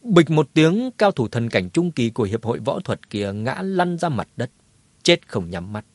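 A man narrating a martial arts novel in a dramatic, lively telling. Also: mid-range voice, moderate pace, no echo. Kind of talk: scripted audiobook narration.

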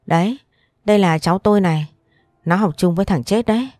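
A woman's voice: medium pitch, brisk, darkish tone, no room sound, clean studio sound, faint music behind, natural voice. A woman voicing a chatty middle-aged aunt fussing over her niece in an audio story. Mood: fussing concern.

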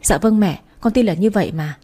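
A woman's voice: mid-range voice, brisk, warm tone, breathy edge, lightly acted. A woman voicing a loyal, outspoken elder sister who talks in a feisty way.

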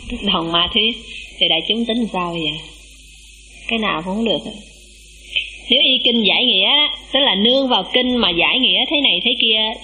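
Humble nun giving a dharma talk. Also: female voice, medium pitch, sharp tone, slight background noise, rough recording. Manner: humble, calls herself "em", asks the listeners questions. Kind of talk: dharma talk to a monastic assembly.

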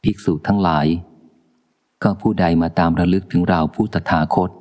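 Deep-voiced man reading solemnly. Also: steady tone, moderate pace, darkish tone, in a large hall. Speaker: audiobook reader. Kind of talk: calm scripted book reading.

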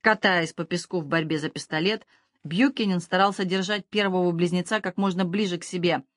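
A woman's voice: on the low side, brisk, no room sound. Woman narrating a thriller, dry close sound. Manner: steady, even thriller reading. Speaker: audiobook narrator. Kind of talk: scripted narration.

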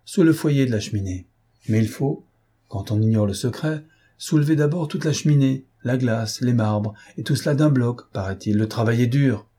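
A man reading an audiobook voices a cocky adult gentleman thief who mocks and commands, his voice rising sharply on orders. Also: medium pitch, normal speed, breathy edge, close to an everyday voice. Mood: calm, bargaining. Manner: mocking, commanding, with raised voice in orders.

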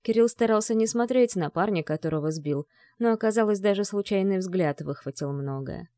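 A woman narrates a tense thriller audiobook in a mid-range voice with a steady pace. The recording is dry and close, with no room echo. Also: medium pitch, fairly quick.

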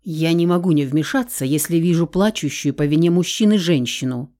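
Audiobook: outspoken, indignant young woman, read by a woman in a low mellow voice. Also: fairly quick, natural voice. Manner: indignant, sharp outbursts.

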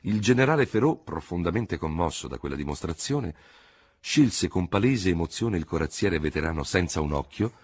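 A man reading a literary novel aloud as an audiobook narrator, measured and expressive, with a husky voice. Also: low voice.

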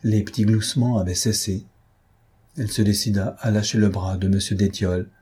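A man reading a novel aloud as a narrator, in a measured, even storytelling manner. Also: lowish voice, husky. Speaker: audiobook reader.

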